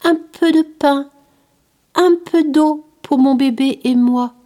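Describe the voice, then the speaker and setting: A woman's voice: high voice, takes it slowly, dark tone, voice pushed up. A woman voicing a poor beggar woman with a baby in a storybook reading, speaking in a pleading way.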